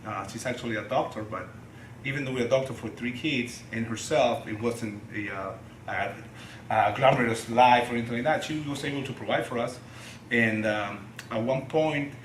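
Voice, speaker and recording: Man, Chilean Spanish accent, middle-aged, halting speech, roomy echo, faint background noise. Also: medium pitch. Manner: halting, many restarts and fillers. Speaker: guest, martial artist. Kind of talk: casual interview.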